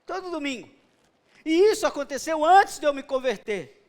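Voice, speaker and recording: Very high-voiced Brazilian preacher man. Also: animated, normal speed. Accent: Brazilian Portuguese. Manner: emphatic, storytelling preaching with rhetorical questions. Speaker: pastor. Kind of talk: sermon.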